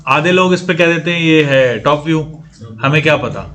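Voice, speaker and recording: Man, classroom instructor, slightly high pitch, quizzes students, repeats key points. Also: moderate pace. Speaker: CAD training instructor. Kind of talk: classroom lecture.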